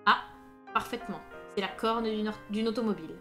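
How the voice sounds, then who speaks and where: A woman voicing a calm, dry-witted male police inspector in a story reading. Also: mid-range voice, faint music behind, lightly acted. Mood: wry. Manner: calm, wry, unhurried.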